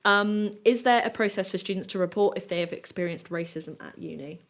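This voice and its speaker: A young woman hosting a student podcast, briskly steering the conversation. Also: mid-range voice. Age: young adult. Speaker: podcast host.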